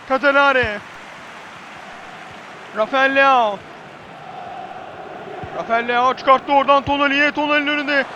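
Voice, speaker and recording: A man doing live football play-by-play as an excitable commentator who screams players' names at big moments. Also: very high voice, dull audio, noisy background.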